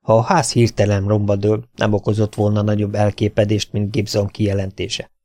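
A man reading an adventure novel aloud in an even, measured way. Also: fairly low pitch, no room sound. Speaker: audiobook reader. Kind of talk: scripted narration.

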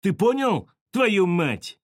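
A hoarse, hot-headed thug mutters and growls threats, played by a male reader. His lines swing between sulky and loud. Close, dry audiobook sound. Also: on the high side, animated, drawn-out words, no room sound, pitched above the performer's own voice, heavily acted. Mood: threatening.

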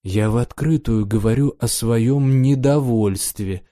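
A man's voice: medium pitch, a little slow, warm tone, natural voice. A male narrator voicing a defiant young duke in an audiobook, speaking with accusing indignation. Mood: heated.

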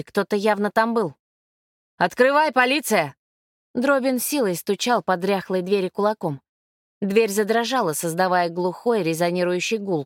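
Woman calmly narrating a crime novel. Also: mid-range voice, no echo, clean studio sound. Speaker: audiobook narrator.

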